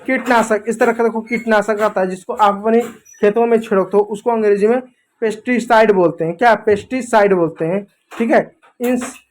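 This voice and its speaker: High-voiced man, teaching chattily. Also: slight background noise. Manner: repeats words, keeps saying "theek hai" and "dekho doston". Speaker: English teacher on a kids' channel. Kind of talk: informal Hindi vocabulary lesson.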